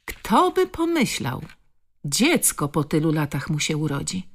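A woman's voice: deep voice, wildly swooping pitch, measured pace, slightly rough, full character voice. A woman reading the part of a stout village woman trading gossip in a scandalized tone. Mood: gossipy.

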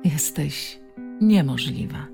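A woman's voice: on the low side, measured pace, vocal fry, over loud music. A woman voicing a tired, bitter woman just woken in hospital, speaking resigned and cynical. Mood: weak resigned.

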